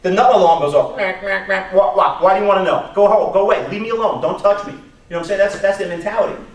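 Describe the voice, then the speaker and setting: In a distant, echoey recording of an indoor meeting room with background noise, a Long Island man with a Brooklyn New York accent addresses a staff meeting. His voice is high and his pace quick as the job search instructor spins animated stories, acting out quotes, asking rhetorical questions, and chuckling.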